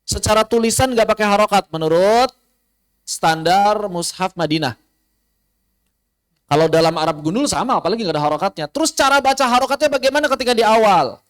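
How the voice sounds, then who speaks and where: A man's voice: sits high, animated, smooth. Indonesian man teaching recitation online. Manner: explains step by step, asks and answers his own questions; slows down to spell out Arabic words. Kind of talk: online class lecture.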